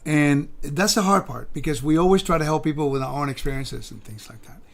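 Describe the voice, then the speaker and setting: A man's voice: a little high, a little fast, vocal fry. A man talks as a pastor in conversation. He is earnest and emphatic, often making his point with rhetorical questions. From born in Puerto Rico, grew up in California. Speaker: pastor and podcast host. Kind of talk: conversational ministry talk.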